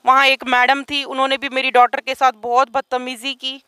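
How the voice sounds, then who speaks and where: A woman's voice: sits high, completely flat delivery, normal speed, bright, forceful tone, clear, resonant tone, dry recording. A woman giving an urgent, aggrieved account as an interviewee, speaking outdoors. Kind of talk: emotional testimony.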